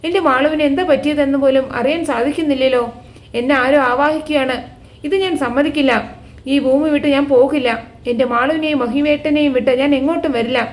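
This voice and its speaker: A woman voicing the spirit of a young mother who pleads and refuses to leave, in a rapid, high voice. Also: steady tone, close to an everyday voice. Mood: defiant.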